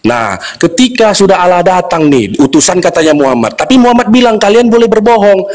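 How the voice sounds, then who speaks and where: A man's voice: sits high, lively intonation, a little fast, crowd noise. A man asking pointed questions in a heated voice-chat debate, persistent and argumentative.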